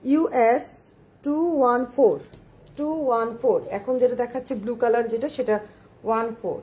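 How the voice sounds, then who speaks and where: A woman's voice: a little high, moderate pace, dark tone. A woman showing shawls on a live stream, chatty, repeating herself and urging viewers to look closely, slipping English words into her speech. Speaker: online shawl seller. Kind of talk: live-stream product showcase.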